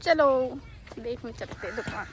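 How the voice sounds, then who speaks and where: A woman's voice: on the high side, lively intonation, moderate pace, a crowd in the background. A woman casually showing the village shop on camera while running an errand. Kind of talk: casual vlog chat. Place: village outdoors.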